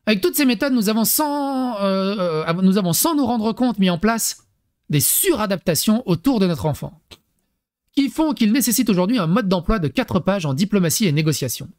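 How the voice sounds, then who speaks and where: Animated, crude-talking man commentator. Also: sits high, normal speed. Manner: animated and crude, mixing mock acting into his talk. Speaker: YouTube commentator. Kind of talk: comedic commentary on a text he reads aloud.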